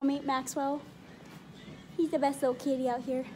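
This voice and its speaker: A woman's voice: high voice, level tone, moderate pace, loud music behind the voice. A young woman telling a casual, giggly story while filming herself in a horse barn. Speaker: vlogger. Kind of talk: casual vlog chat. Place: indoors in a large horse barn. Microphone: handheld phone at arm's length.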